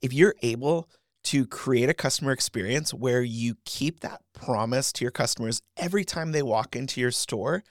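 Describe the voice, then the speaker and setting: A man's voice: mid-range voice, normal speed, no room sound, studio quality. A man hosting a podcast, introducing his guest by reading his bio and then asking questions in an upbeat, chatty way. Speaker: podcast host and interviewer.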